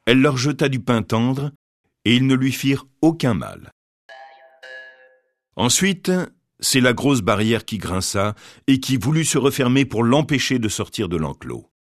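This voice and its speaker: Male fairy-tale reader, lively pitch, medium voice. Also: unhurried, no room sound, clean studio sound, faint music behind. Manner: expressive storytelling.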